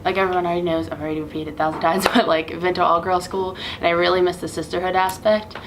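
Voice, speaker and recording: A woman's voice: fairly low pitch, little pitch movement, quick pace, noisy background. A young woman talking casually to camera as a new sorority member, in a bubbly, gushing sorority-girl manner. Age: young adult.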